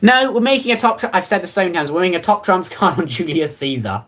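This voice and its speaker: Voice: mid-range voice, animated, fast talker, fairly bright tone. A livestreamer chatting casually and reading out viewer comments. Rambles offhand, with many fillers and restarts and a playfully sarcastic edge.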